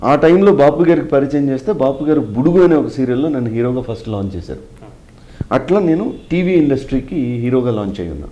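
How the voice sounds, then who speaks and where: Middle-aged guy in an interview, mellow tone, kinda explains stuff step by step, throws english words in. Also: mid-range voice, lively intonation, fast talker, dull audio, a little hiss or hum. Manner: explanatory, mixes in English phrases. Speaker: mimicry artist guest. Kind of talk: interview answers, storytelling.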